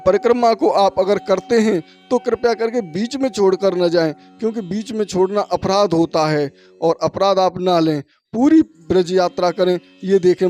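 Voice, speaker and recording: A high-pitched man speaks urgently to his viewers as friends while filming a devotional pilgrimage vlog outdoors. He talks into a camera mic from a motorbike on a muddy road in the rain, with faint music underneath. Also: mellow. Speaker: pilgrimage vlogger. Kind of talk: devotional travel vlog narration.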